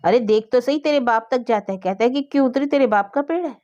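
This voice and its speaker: Spiteful old nag, shrill and scolding, put on by a woman storyteller; storybook reading, slightly muffled sound. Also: quick pace, warm tone, lightly acted. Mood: shrieking. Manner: scolding, shrieking.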